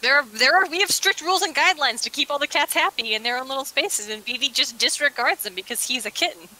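A woman's voice: high-pitched, fast, sharp tone, low-quality recording. A woman chatting casually and playfully during a game session, often breaking into laughter.

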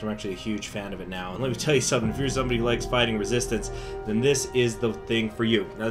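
A man speaking through a face mask, giving a chatty, informal strategy game tutorial as the host. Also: mid-range voice. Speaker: gaming video host. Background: music.

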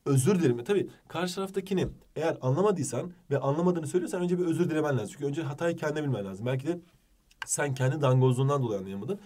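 A man teaching a jokey exam-prep lesson, with a Turkish accent, reading English phrases slowly. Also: fairly high pitch, mellow, distant mic.

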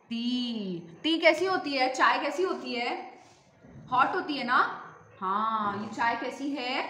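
A woman teaching kindergarten children in a slow sing-song way, asking questions and repeating each word pair for them. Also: high-pitched, pushed and bright, a little hiss or hum. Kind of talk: children's lesson with questions and answers.

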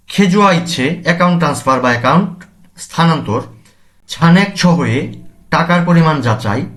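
A man teaching a language lesson, reading each word aloud and then explaining its meaning and use. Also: fairly high pitch. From Bangladesh.

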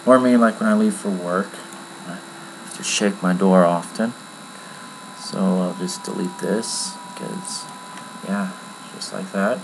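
A man giving a casual, rambling screen-recorded software tutorial from his computer at home, with many fillers. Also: deep voice, fairly even intonation, measured pace, long pauses, background noise. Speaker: tutorial maker.

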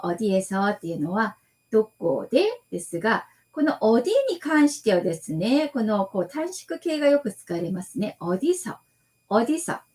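Woman teacher doing an online class, patient, repeats phrases over and over, lively up-and-down voice. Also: mid-range voice. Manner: slow, patient drilling with repeated model phrases; adds frequent softening fillers. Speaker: Korean language teacher. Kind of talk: online lecture.

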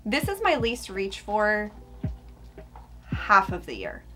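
A woman's voice: mid-range voice, huge pitch swings, slow pace, bright, forceful tone. A young adult woman chatting casually to camera as a beauty vlogger, emphatic and casually sweary, with a whistling s. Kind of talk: casual chat to camera, product ranking. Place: small furnished room indoors.

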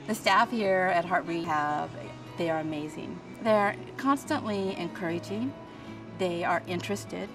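An older woman in her sixties speaks sincerely about her recovery, her voice low-pitched and a bit distant from the mic. Clear music plays behind her in this documentary interview. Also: unhurried. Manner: warm, sincere, grateful. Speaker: cardiac rehab patient. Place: indoor rehab gym.

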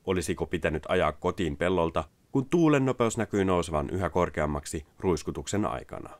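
A man narrating a scripted product voice-over in an even, explanatory way. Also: sits low, no room sound.

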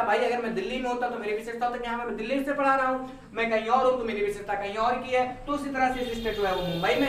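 With a very high, fairly bright voice, a young adult man works through English grammar at a whiteboard, answering his own rhetorical questions. The camera sits at a distance, leaving his voice off-mic in an echoey room. A little hiss or hum is audible.

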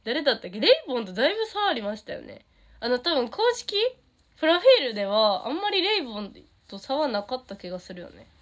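Fans' comments get read out by a giggly teenage idol from Japan during her casual livestream, her Kansai accent clear. Her voice is fairly high, and she laughs and lights up easily, bubbly throughout as she keeps things relaxed and friendly with her audience.

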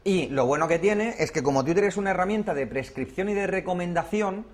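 Slightly high-voiced instructor. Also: male voice, animated, brisk. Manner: explanatory, checks in with "¿vale?". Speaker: workshop instructor. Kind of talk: hands-on classroom teaching.

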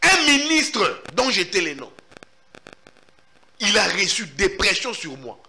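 A Congolese-accented man answers in an interview, speaking emphatically and repeating himself as he insists on his point. His voice sits a little high and swings widely in pitch. The tone is bright and forceful. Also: big pitch swings, slow pace. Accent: Congolese French. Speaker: journalist, interviewee. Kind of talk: animated interview answers, mixing in Lingala.

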